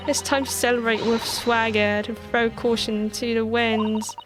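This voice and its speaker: A woman's voice: a little high, little pitch movement, a little slow, music in the background, natural voice. A woman voicing a brash, cocky young male defense lawyer in a game, talking in a swaggering, boastful way.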